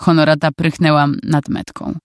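A narrator reading a novel aloud in calm, even scripted narration. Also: medium pitch, moderate pace, clear, resonant tone, no room sound, studio quality.

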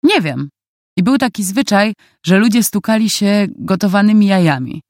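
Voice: mid-range voice, animated, moderate pace, a little mellow, dry recording, clean studio sound, pitched above the performer's own voice, natural voice. The audiobook reader voicing a brash, smug young man who talks with mocking swagger. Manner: boastful, mocking.

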